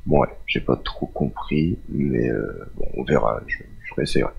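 A man giving casual let's-play commentary, thinking aloud and reading out mission names with halting pauses. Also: rumbling low, gravelly, breathy edge, dull audio. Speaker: gamer playing a space simulation.

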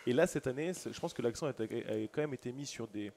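French male co-host, quick easygoing delivery, mid pitch. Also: creaky, a little hiss or hum. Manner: relaxed, easygoing, halting. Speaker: podcast co-host, gym coach. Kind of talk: casual podcast chat.

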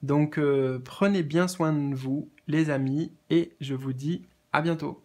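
Gentle, hesitant man reading cards. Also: a little high, fairly even intonation, slow pace. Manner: hesitant, many fillers and repeated words; gentle, addresses viewers as friends. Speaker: tarot card reader. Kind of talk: spiritual card reading.

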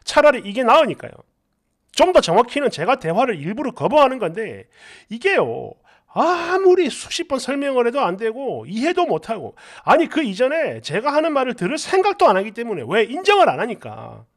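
A woman tells a submitted story in a chatty, storytelling way. Her voice is high and moves a lot in pitch. She keeps a steady narrating flow. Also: brisk. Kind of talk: scripted narration of a reader's story.

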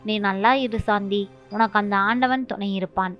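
A woman's voice: mid-range voice, fairly even intonation, moderate pace, natural voice. A remorseful, tearful old mother-in-law, as a woman reads her. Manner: pleading, regretful. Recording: dull lo-fi with faint music.

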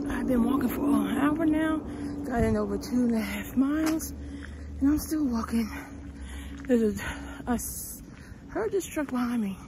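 Breathless woman vlogging on a windy walk. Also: on the high side. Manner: upbeat, motivational, talks while walking. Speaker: fitness vlogger. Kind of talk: casual walking vlog. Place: outdoors on a cold windy street, later in a car. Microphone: phone at arm's length. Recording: noisy outdoor phone recording.

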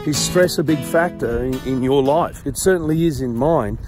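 A man's voice: medium pitch, moderate pace, music in the background. A man, a pastor, giving an earnest, encouraging talk outdoors while walking down a mountain, slightly out of breath. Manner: earnest, encouraging, conversational preaching. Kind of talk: casual devotional vlog talk.

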